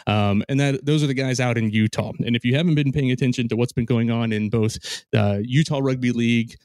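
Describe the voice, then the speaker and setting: A man's voice: medium pitch, fairly even intonation, fairly quick, a little mellow, no room sound, clean studio sound. A man hosting a podcast, chatting casually with guests in a loose, rambling way full of ums and restarts. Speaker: podcast host. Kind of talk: casual interview chat.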